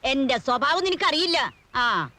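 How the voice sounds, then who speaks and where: A woman's voice: high-pitched, big pitch swings, a little slow, no echo, exaggerated voice. An actress playing a feisty, bossy old grandmother and landlady who scolds freely, in a comedy film scene. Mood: scolding. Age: older. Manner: sharp-tongued, scolding, bossy. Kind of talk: 1980s film comedy acting.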